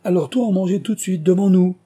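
A man's voice: medium pitch, lively intonation, normal speed, warm tone, slightly rough, voice pushed up. A man voicing a commanding, pompous plantation manager, as in an audiobook.

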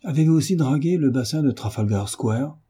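A man voicing a calm, ironic detective in an audiobook reading, with a dry, teasing manner. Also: mid-range voice, fairly quick, breathy edge, pitched above the performer's own voice.

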